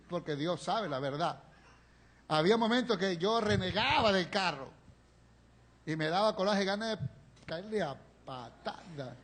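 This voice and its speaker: A male pastor preaching a sermon, telling a personal story with feeling and swinging between loud pleading and hushed confession. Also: sits high. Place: church sanctuary, live stream.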